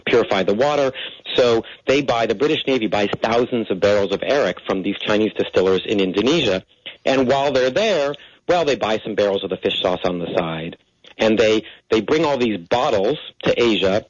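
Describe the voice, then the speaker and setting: Low-voiced American man explaining eagerly. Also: animated, brisk, no echo. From United States. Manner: enthusiastic explainer, frequent restarts. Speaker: linguist guest. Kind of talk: interview conversation. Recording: muffled radio broadcast.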